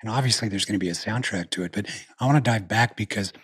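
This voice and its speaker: Husky low-voiced male interviewer. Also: quick pace, fairly bright tone. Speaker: podcast host. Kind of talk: casual interview chat.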